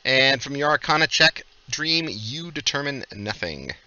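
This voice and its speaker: A man's voice: medium pitch, animated, unhurried, bright, forceful tone, dry recording, muffled recording. A man running a tabletop game as game master, narrating and ruling on the players' actions.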